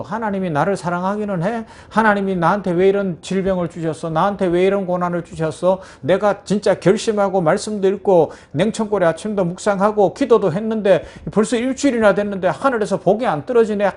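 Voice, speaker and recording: A male pastor delivering a morning devotional sermon. His voice sits high, and he preaches in an animated way, throwing rhetorical questions at his listeners.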